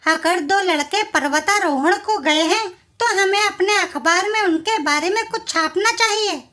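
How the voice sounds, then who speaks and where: Brisk comic-book lady editor, very high and bright, played by a woman. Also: exaggerated voice. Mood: instructing. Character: bossy female newspaper editor.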